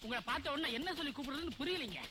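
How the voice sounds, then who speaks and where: An actor playing a fussy middle-aged village widower in comic film dialogue, with fast, excitable chatter. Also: male voice, extremely high pitch, noisy background. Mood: coaxing.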